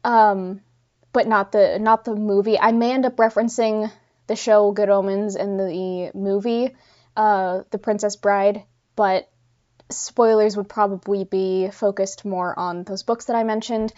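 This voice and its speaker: A woman hosts a podcast alone and unscripted, thinking out loud and correcting herself in casual talk, her voice slightly congested. She speaks a little slowly at a medium pitch, with fairly even intonation and a darkish tone. The recording sounds dull and lo-fi.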